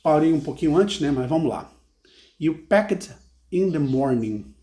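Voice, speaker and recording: A Brazilian man with a Brazilian Portuguese accent works as an English teacher, patiently explaining song lyrics and adding "né?" to his phrases. His voice is on the high side, expressive and mellow, and he reads the English lines slowly and carefully.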